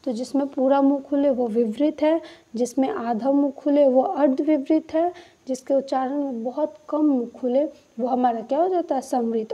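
A woman's voice: high-pitched, mellow, slightly rough. A woman teaching an exam-prep grammar lesson, explaining step by step and asking and answering her own questions. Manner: repeats "है ना" and "ठीक है" often.

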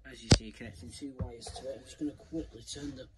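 A video creator gives a casual, hands-on tutorial indoors in a carpeted room, informally calling his viewers "guys" as he works. He talks fast at a medium pitch with fairly even intonation, and the recording has clear background noise and handling clicks.

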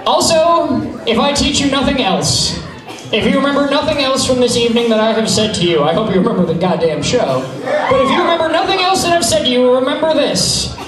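A male burlesque host works the stage with bawdy, teasing showmanship, his very high voice swooping up and down as he projects to the house. He is recorded from far off in an echoey hall. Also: animated, fairly quick, a crowd in the background. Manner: projecting loudly to a live audience. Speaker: burlesque show host and raffle emcee. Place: on stage in a theatre-like venue. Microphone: handheld microphone.

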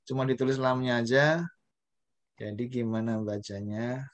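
A man's voice: mid-range voice, steady tone, moderate pace. A male teacher, leading an online Arabic class and patiently drilling pronunciation syllable by syllable over a video call.

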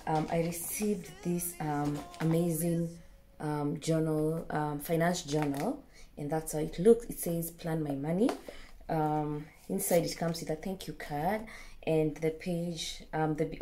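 A young Kenyan woman vlogging from her bedroom, casually showing a planner and pausing with fillers as she pages through it. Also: deep voice, warm tone, slight background noise. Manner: chatty, unhurried, pauses with fillers while leafing through a planner. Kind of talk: casual product show-and-tell. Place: bedroom, indoors.

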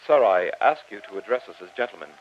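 A man's voice: fairly low pitch, expressive, fast talker, slight background noise, natural voice. Professor Arnaud, a man as a grave muffled narrator. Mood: grave, horrified. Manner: formal, dramatic, descriptive. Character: grave, observant male professor narrating his ordeal. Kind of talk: old-time radio drama narration. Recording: muffled old radio recording.

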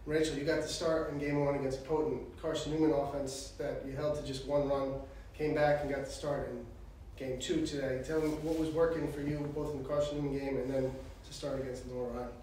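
A man reporter asking measured questions at a press conference. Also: medium pitch, level tone, warm tone, slight background noise. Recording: distant, very echoey room.

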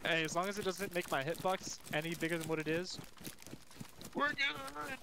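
A man trades laid-back jokes with friends during a game session. His voice sits a little high. Faint game sounds linger in the background. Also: steady tone, quick pace, noisy background. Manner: joking, laid-back banter. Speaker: fellow player. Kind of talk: casual gaming banter.

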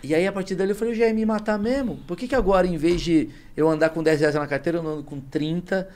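A man's voice: sits high, steady tone, fast, a little mellow. A man in his thirties from Brazil, a podcast guest telling stories with emotion and plenty of slang in casual chat. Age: 30s. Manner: emphatic, emotional storytelling with heavy slang.

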